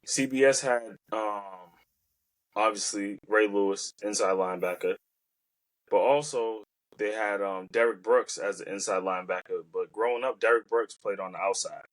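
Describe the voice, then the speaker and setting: A man co-hosting a casual sports chat over a remote call, his audio cutting in and out, talking in a relaxed way with fillers. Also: on the low side, moderate pace, dry recording, poor audio. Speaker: podcast co-host. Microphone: remote call mic. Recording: dry call audio that drops out.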